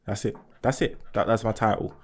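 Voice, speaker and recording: Low-voiced young London roadman. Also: steady tone, fairly quick. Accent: London urban roadman slang accent. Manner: slangy, short repeated interjections. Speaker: podcast co-host. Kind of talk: casual banter and chat.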